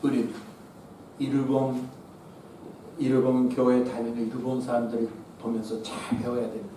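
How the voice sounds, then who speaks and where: A male pastor who grew up in Japan, preaching a sermon with animated swings between loud exclamations and quiet asides. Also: medium pitch, normal speed, a little hiss or hum. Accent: Korean spoken by someone born in Japan. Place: church sanctuary. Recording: echoey church from a distance.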